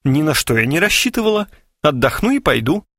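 A man reading an audiobook, voicing a flippant young woman who is down on her luck and talks in a brisk, plainspoken way. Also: a little high, big pitch swings, fairly bright tone, dry recording, studio quality, voice pushed up, exaggerated voice. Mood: pert.

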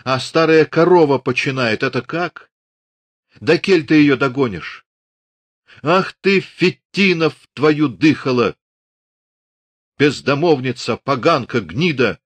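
A man voicing an irascible old Cossack patriarch who shouts and curses. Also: low voice, sing-song, extremely slow, slightly rough, dry recording, full character voice. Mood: furious shouting. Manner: shouting, cursing.

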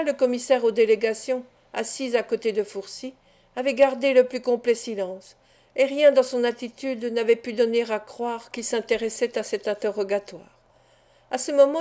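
A woman reading a novel aloud at an even, measured pace. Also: fairly high pitch. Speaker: audiobook reader. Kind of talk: scripted narration.

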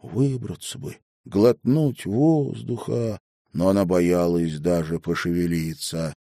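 Low, dark-voiced male narrator. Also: takes it slowly, gravelly, no room sound, clean studio sound. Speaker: audiobook narrator. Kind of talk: expressive audiobook narration.

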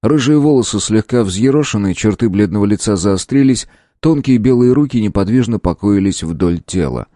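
A man narrating an audiobook in an expressive storytelling manner. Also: lowish voice, moderate pace, no echo, studio quality.

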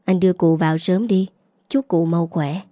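Woman reading a generous man in his thirties, calm and gentle, dry close sound. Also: lowish voice, normal speed, no echo, natural voice. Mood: kind.

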